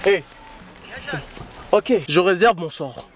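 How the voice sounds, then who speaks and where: A man's voice: high-pitched, slow, a crowd in the background. A man with a Congolese French accent playing a jealous young man who orders and pleads with his pregnant girlfriend. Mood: threatening. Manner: commanding, then pleading and shouting.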